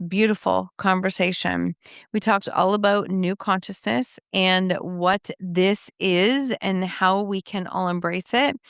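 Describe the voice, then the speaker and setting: A woman's voice: medium pitch, gravelly, fairly bright tone, smooth, dry recording, clean studio sound. A woman hosting a podcast, introducing her guest and interviewing him with effusive enthusiasm. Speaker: podcast host.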